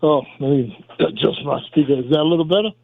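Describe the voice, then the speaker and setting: A male caller on a tinny, muffled phone line, his voice dulled as if it came through a wall. He sits a little high in pitch and keeps asking whether he can be heard. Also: fast talker, creaky, dry recording. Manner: hesitant, checking if he is heard. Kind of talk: call-in radio chat.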